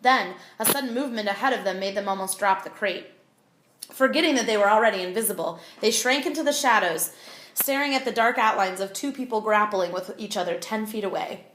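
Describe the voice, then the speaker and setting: Woman reading a kids novel out loud, expressive, echoey room. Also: mid-range voice, a little fast. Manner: expressive, clear storytelling. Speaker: audiobook reader. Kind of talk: reading a children's novel aloud.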